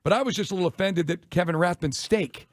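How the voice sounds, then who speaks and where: An American man hosting a radio show in casual, chatty, opinionated talk with an animated manner. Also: high-pitched, fast talker, no echo. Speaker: sports radio host. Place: radio studio. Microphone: close broadcast microphone.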